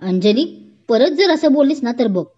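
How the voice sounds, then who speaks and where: A woman's voice: mid-range voice, measured pace, dark tone, lightly acted. A woman reading a storybook romance, voicing a young man who is tender and scolds in jest. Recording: dull lo-fi recording.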